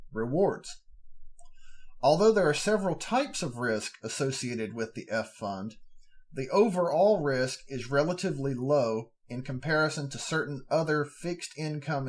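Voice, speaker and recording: A man hosting a podcast, steadily reading formal fund descriptions aloud and breaking off now and then for plain spoken asides. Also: medium pitch. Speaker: podcast host.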